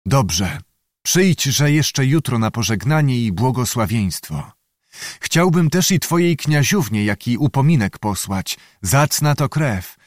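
A man voicing a commanding prince who speaks slowly, gravely and kindly in an audiobook. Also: medium pitch, big pitch swings, no echo, clean studio sound. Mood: grave tender. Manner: slow, grave, benevolent.

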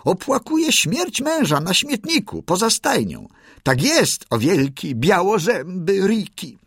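A man voicing an excitable male tailorbird who chants and gushes his praise. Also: high voice, slow, creaky, breathy edge, no echo, clean studio sound, pitched above the performer's own voice, exaggerated voice. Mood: gushing. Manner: chanting, gushing. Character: shrill excitable male tailorbird, boastful singer.

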